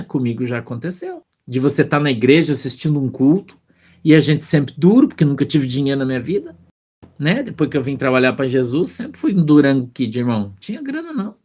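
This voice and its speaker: A man's voice: mid-range voice, a little mellow. A middle-aged male pastor preaching a sermon, telling stories from his own life, acting out dialogues with God and calling his listeners brother. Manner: storytelling, addresses listeners as brother, acts out dialogues.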